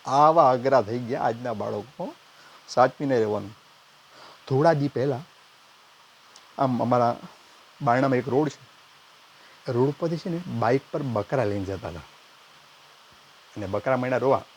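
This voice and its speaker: A man telling a comic story as a mimicry comedian, acting out both sides of the dialogue with animated, expressive delivery. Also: mid-range voice, normal speed, long pauses, a little hiss or hum.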